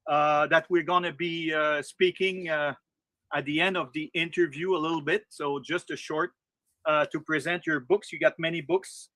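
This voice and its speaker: A man with a Quebec French accent, a native French speaker, hosting an interview and searching haltingly for words when in English. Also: fairly high pitch, pushed and bright, no room sound. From Quebec, Canada. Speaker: interviewer, channel host.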